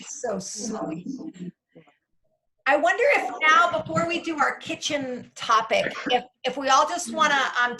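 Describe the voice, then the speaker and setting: A woman's voice: high-pitched, pushed and bright. A woman leading a casual video-call session, upbeat and encouraging as she guides simple stretches. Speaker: activity leader.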